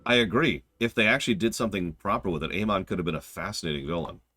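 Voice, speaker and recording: A man with a low voice streams a game review. His commentary is casual and conversational, analytical and full of firm opinions. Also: quick pace, bright, forceful tone, no echo.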